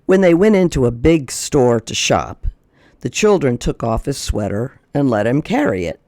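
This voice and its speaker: This man's mid-range voice has a sing-song lilt, normal speed, and a darkish tone, recorded studio-clean with no echo. Folksy and prone to repeating questions, he talks aloud to a companion while chatting casually with young children and reading them a picture book.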